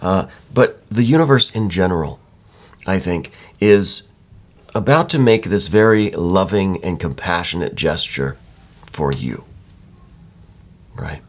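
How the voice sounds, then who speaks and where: A man's voice: deep voice, expressive, slow, pauses often. A man giving a conversational, reassuring tarot reading in the manner of a psychic hotline, speaking directly to the listener. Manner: reassuring, addresses listener directly, frequent check-in tags. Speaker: tarot card reader.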